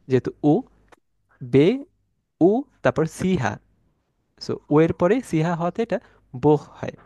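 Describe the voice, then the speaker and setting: Guy teaching online from slides, spells out letters and sounds slow, casual with lots of fillers, middle pitch, dry close sound. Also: a little mellow, no echo. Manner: casual, thinks aloud with fillers. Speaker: German language teacher.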